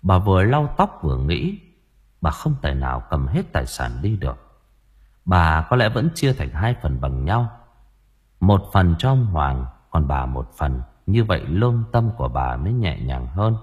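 A man narrating an audiobook in an expressive, dramatic storytelling manner. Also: deep voice, normal speed, husky, muffled recording.

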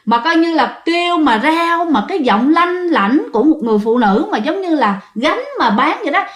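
A woman's voice: high voice, expressive, normal speed. A woman with a Southern Vietnamese accent narrating ghost stories in a chatty way, often addressing her listeners. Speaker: storyteller. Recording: echoey room.

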